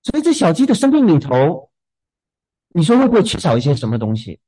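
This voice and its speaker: A man preaching a sermon in a gentle, unhurried way, often repeating a word as he starts a thought. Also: fairly high pitch, huge pitch swings, slightly rough, low-quality recording. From southern China.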